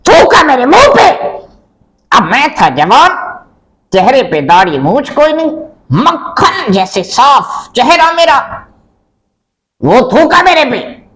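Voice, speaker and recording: A man playing a shrill, cranky old schoolmaster. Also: wildly swooping pitch, takes it slowly, long pauses, full character voice, low-quality recording. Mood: grumbling storyteller. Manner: flares into shouting rants, then drops to a low grumbling mutter. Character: angry aging male government schoolteacher, touchy and self-pitying. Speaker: comic guest character. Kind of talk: comedy sketch acting.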